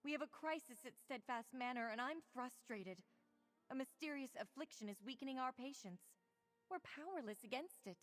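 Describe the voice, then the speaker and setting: A woman's voice: high-pitched, animated, moderate pace. An actress playing a stern, frustrated woman healer in a video game, speaking earnestly and formally. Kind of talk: scripted video game character dialogue. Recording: music behind the voice.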